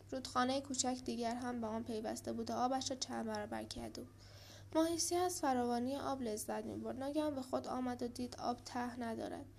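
A woman narrating a children's storybook aloud, steady and expressive, with a few small slips. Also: sits high, slight background noise.

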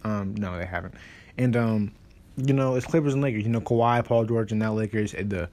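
A man hosting a casual basketball podcast, rambling with lots of fillers and restarts, and quick in delivery. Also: lowish voice, darkish tone. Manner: talks fast, says so himself. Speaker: podcast host. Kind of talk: casual sports podcast talk.

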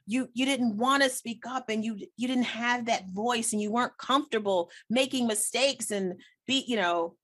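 A woman's voice: a little high, normal speed, hardly any pauses, fairly bright tone. A woman in her late forties in casual chat, talking in an emphatic, encouraging way and laughing often. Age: 40s.

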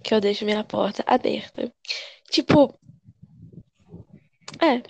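A young Brazilian woman with a slightly high voice tells creepy stories in a casual podcast chat. She talks in an animated, slangy way and repeats words for emphasis. The sound is close and dry. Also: takes it slowly, creaky, no room sound. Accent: Brazilian Portuguese. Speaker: podcast co-host.

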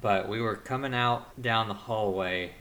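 A man chatting casually, recounting a show in a measured way. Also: on the low side, a bit bright. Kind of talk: casual chat.

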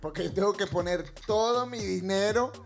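A woman in casual group chat, telling lively stories and quoting herself, who mentions her son. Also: medium pitch, moderate pace, creaky, soft background music. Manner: lively storyteller, quoting herself, laughing often. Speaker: parent.

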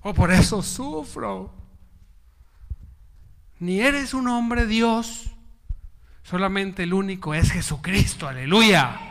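A man preaching a sermon with call and response, animated, acting out dialogue and dropping to hushed tones. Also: high-pitched, slow pace, pauses often. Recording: long hall reverb.

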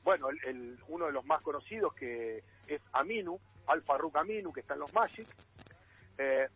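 Raspy, lively Argentine man on a phone line. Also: fairly high pitch, moderate pace. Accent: Argentine Spanish. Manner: explanatory, with many fillers and restarts. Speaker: radio sports columnist. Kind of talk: radio panel talk.

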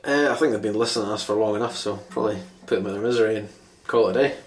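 Male co-host for informal sports talk; somewhat deep voice, heard off-mic in a reverberant room. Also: rapid-fire. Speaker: podcast co-host. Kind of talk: casual sports podcast chat. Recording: echoey room, distant mic.

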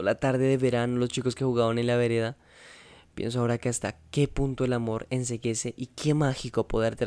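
A man reading a novel aloud in the first person, with measured, intense storytelling. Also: mid-range voice, dark tone, dry recording. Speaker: narrator.

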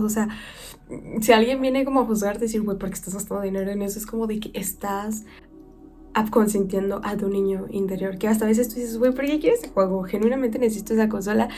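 A young woman with a Mexican accent hosting a casual self-care podcast, talking like a chatty friend who acts out quoted voices. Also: mid-range voice. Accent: Mexican Spanish. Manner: chatty, warm-hearted advice with playful quoted voices. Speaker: podcast host.

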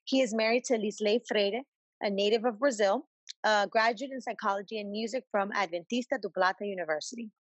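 A woman's voice: medium pitch, a little fast, dry recording. A woman co-hosting a podcast with casual, slangy, playful banter, sometimes reading aloud. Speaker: podcast co-host.

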